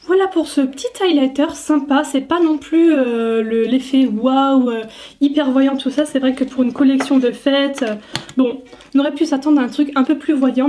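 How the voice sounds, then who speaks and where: A woman's voice: high voice, dark tone. A young French woman chatting casually through a makeup review, thinking aloud with lots of fillers. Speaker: beauty vlogger.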